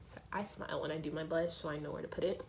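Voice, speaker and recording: A woman in her twenties chatting casually as a beauty vlogger, telling stories while doing her makeup and acting out quotes in a higher voice. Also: quick pace, vocal fry, slight background noise, rough recording. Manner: animated, acts out quotes in a higher voice.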